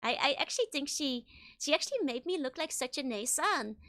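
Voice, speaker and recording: A woman livestreamer chatting casually with viewers in a bubbly, giggly, gushing way, with a high-pitched bright voice. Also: expressive, a little fast. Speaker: streamer, virtual YouTuber host.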